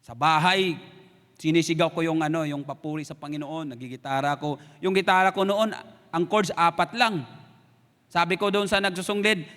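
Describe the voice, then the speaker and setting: A man's voice: on the high side, moderate pace, long reverb tail. A man with a Filipino accent preaching a sermon, telling personal stories and acting out what people said. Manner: storytelling, animated, acts out quoted lines. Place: church sanctuary.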